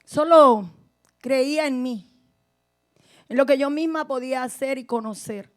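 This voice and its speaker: A woman pastor with a high, bright-toned voice, telling her conversion story in a sermon. She addresses the congregation directly and moves between quiet, intimate moments and loud, forceful declarations. Her delivery is passionate and personal. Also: measured pace. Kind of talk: testimony in a sermon.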